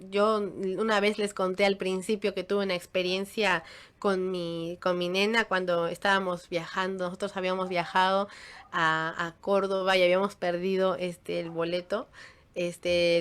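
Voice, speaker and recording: Woman teaching the Bible, chatty. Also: medium pitch. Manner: conversational, many fillers and restarts.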